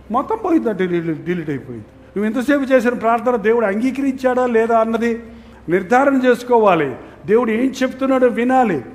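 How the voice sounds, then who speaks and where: A man preaching a sermon, swinging between loud emphatic lines and hushed, soft ones. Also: high voice, long reverb tail. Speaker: pastor.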